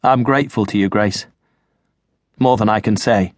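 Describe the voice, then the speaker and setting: A man's voice: on the low side, normal speed, dry recording, clean studio sound, lightly acted. A man voicing a loyal male vampire comrade who speaks steadily and reassuringly, in an audiobook. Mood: grateful. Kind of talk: audiobook character voice.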